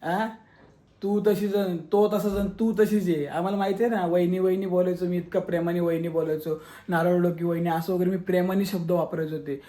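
A man's voice: high-pitched, fairly even intonation, a little fast, dark tone. A man taunting and berating someone with contempt in a heated family-feud video. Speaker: vlogger. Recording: echoey room.

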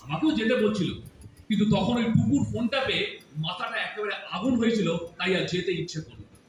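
A man's voice: high-pitched, animated, fast talker. A man playing a grown son in an audio drama, teasing and lecturing his mother and aunt. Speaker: radio drama actor. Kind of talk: Bengali audio drama acting. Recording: distant echoey room with faint hiss.

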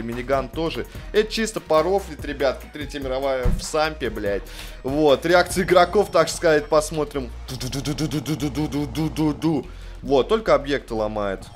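A young man giving rowdy, profane gameplay commentary as a video host, swinging between loud yelling, laughing outbursts and calmer chat. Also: fairly high pitch. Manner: rowdy, swearing, bursts of shouting and laughter.

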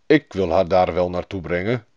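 A kindly, dependable reindeer leading the way through the snow, as a man reads him. He speaks calmly and firmly, close to the reader's own voice. The recording is dry and somewhat dull. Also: low voice, normal speed, no echo, voice pushed down, lightly acted. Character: kind, steady male reindeer guide.

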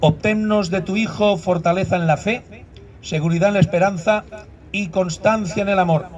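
A priest leads a prayer in a slow, measured way. His voice sits high for a man. The outdoor recording sounds dull and muffled. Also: fairly even intonation. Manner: slow, measured liturgical recitation. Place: outdoor public square at a monument.

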